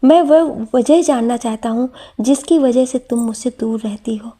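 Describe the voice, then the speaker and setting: A man's voice: extremely high pitch, moderate pace, warm tone. A woman narrator voicing a young male professor in love, pleading and playful.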